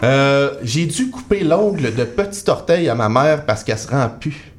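A man with a Quebec French accent telling comic personal stories as a guest on a radio show, self-mocking and quick with asides. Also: mid-range voice, lively intonation, noisy background. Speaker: guest columnist. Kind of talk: comic radio chronicle, casual banter. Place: radio studio.

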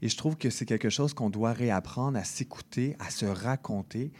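A man talking on the radio in a reflective, measured way. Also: mid-range voice, a little mellow. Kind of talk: casual radio talk.

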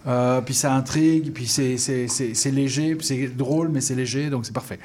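A man's voice: medium pitch, fairly even intonation, moderate pace, darkish tone. Co-host, male, mid-range voice, eager chatty tone, studio tasting segment. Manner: enthusiastic, chatty. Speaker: radio co-host. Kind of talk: radio interview and tasting. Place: radio studio.

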